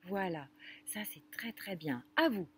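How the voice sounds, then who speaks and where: A woman leading a children's music lesson, speaking gently and didactically straight to the kids. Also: on the low side, lively intonation, husky. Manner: gentle, slow and didactic, addressing children directly. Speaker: music teacher for young children.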